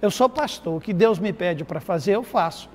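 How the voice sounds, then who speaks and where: High-voiced middle-aged pastor telling stories. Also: male voice, moderate pace. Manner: animated anecdote-teller with quoted dialogue. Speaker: pastor and therapist guest. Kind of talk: lively storytelling in a TV interview. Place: TV studio. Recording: reverberant studio with faint noise.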